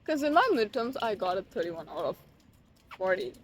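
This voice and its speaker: A young woman, a student, chatting casually to her camera in a vlog, excitable and gushing at times, sometimes quiet and self-conscious. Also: medium pitch, normal speed, slight background noise, poor audio. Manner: chatty, excitable, gushing over cute things. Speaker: vlogger and student.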